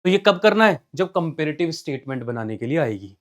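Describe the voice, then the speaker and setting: A man teaching accountancy in an online lesson, reading out numbers as he writes and firing quick questions that he then answers himself. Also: fairly high pitch, sing-song. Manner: talks while writing, reading out numbers. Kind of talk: online lesson, solving on a board.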